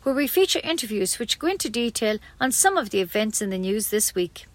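A woman's voice: medium pitch, sing-song, brisk, no echo. A woman with an Irish accent reading a scripted introduction as a radio presenter.

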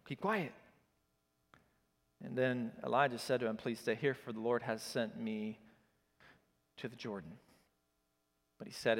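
A middle-aged man from Oklahoma, preaching a sermon as an animated storyteller whose energy rises as he gets excited. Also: medium pitch. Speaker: pastor. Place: church hall. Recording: long reverb of a church hall.

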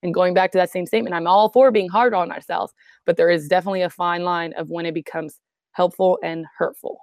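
Chatty woman sports psych guest, lower voice. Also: fairly even intonation, quick pace, a little mellow, no room sound. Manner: chatty, frequent "um" and "right?". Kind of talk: conversational explanation.

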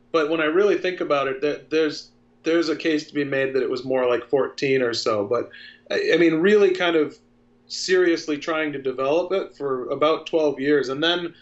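A man in his thirties, a filmmaker guest in a casual interview, talking in a reflective, earnest way. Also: a little high. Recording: dull lo-fi sound.

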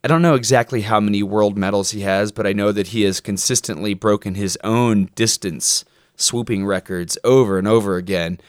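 Podcast guy, low smooth voice, laid back and self-deprecating, dry close mic. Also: moderate pace, dry recording. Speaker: podcast co-host. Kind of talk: casual podcast chat.

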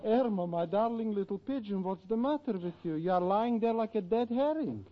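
An actor playing a flamboyant, wisecracking European professor, effusive and teasing, in a 1940s radio sitcom. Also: male voice, sits high, lively intonation, moderate pace, very noisy. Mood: affectionately teasing. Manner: theatrical, effusive. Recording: dull 1940s radio recording.

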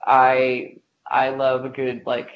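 A woman's voice: extremely low pitch, completely flat delivery, slow, muffled recording, a little hiss or hum. A woman guest in a conversational interview, chatty and self-deprecating, with lots of "like" and fillers. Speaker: interview guest, business leader.

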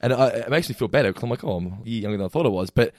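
A man in his twenties co-hosting a podcast, briskly running through an episode review with a teasing edge. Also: mid-range voice, lively intonation, no echo, clean studio sound. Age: 20s. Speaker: podcast co-host. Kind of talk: casual chat and episode review.

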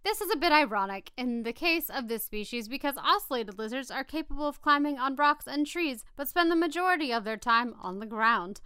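A woman co-hosting a casual animal-facts podcast, reading from notes with chatty asides and an expressive, playful way of talking. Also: sits high, a little fast, few pauses, clear, resonant tone, dry recording, clean studio sound. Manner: giggly, expressive, stumbles playfully over scientific words. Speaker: podcast co-host.

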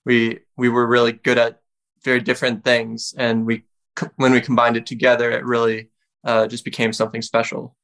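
Flat-toned young man from Wisconsin. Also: medium pitch, a little fast. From Wisconsin, United States. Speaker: musician guest. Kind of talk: casual interview talk.

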